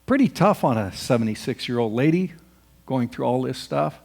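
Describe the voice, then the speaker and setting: Gravelly-voiced man preaching a sermon. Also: mid-range voice, animated, normal speed, a little mellow. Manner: preaching with rising emphasis on quoted scripture. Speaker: pastor.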